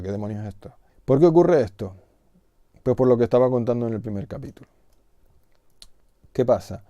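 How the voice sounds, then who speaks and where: A middle-aged man with a Canarian Spanish accent, speaking low and with a gravelly edge. His tone is very dark and mellow. He holds forth in an indignant explanatory monologue packed with rhetorical questions, recorded close and dry. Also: no echo. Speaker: video host.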